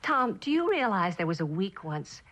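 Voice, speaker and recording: In a mid-century TV drama, an actress portrays a neglected, lonely wife, speaking in a plaintive, halting way that carries bitterness. Her female voice is mid-range and fairly bright, highly animated, and the mood turns bitter and sarcastic.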